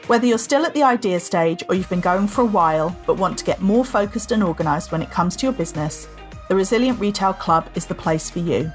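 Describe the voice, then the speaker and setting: A woman's voice: lowish voice, expressive, a little fast. Upbeat woman podcast host, faint music. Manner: upbeat, friendly, polished promotional delivery. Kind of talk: interview hosting and scripted outro.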